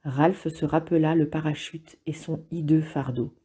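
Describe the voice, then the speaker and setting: A woman narrating an audiobook in a calm, measured, steady reading style. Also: sits low, husky. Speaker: audiobook reader.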